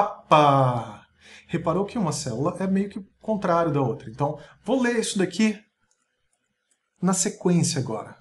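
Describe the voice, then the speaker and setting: Man counting rhythms aloud. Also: fairly high pitch. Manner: explains step by step, counting aloud and chanting rhythms. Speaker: music teacher. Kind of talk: online music lesson.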